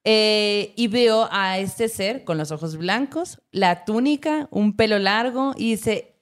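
A woman with a Mexican accent recounts a spooky tale in loose, slang-filled podcast chat. Her voice sits at an ordinary middle pitch, and she keeps the story moving with lively, animated telling. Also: takes it slowly. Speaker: podcast host. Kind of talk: casual storytelling.

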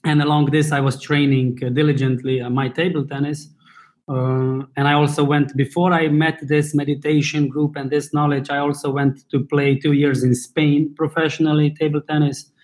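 Man, from Slovenia, thirties, slightly higher voice, interview guest, halting, fillers and restarts. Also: level tone, darkish tone, low-quality recording. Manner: searching for words, many fillers and restarts, non-native English. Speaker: guest, former table tennis player and coach. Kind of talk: casual interview talk.

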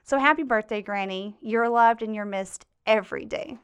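A woman's voice: mid-range voice, moderate pace. A woman hosting a podcast as a life coach, sharing heartfelt, faith-filled memories in a casual monologue.

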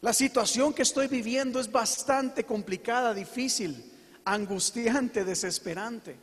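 A man preaching a sermon to his congregation, earnest and emphatic, with slow dramatic pauses. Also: very high-pitched, breathy edge, long reverb tail. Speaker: pastor.

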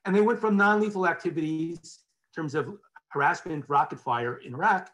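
A man's voice: a little high, a little fast, fairly bright tone. A man giving a conversational policy lecture from slides, often restarting phrases and checking in with the audience.

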